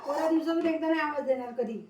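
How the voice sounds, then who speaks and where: Woman, high voice, chatty home vlogger calling her pets; echoey kitchen, distant mic, dishes clattering. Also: racing, very noisy. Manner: chatty, calling out to her pet parrot and dog. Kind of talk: casual home vlog talk.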